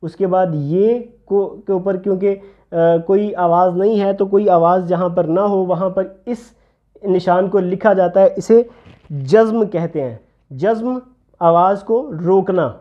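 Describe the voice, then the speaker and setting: Patient male calligraphy teacher, dull sound. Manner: patient, explains while writing, drops low for "see this". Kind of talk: step-by-step handwriting lesson.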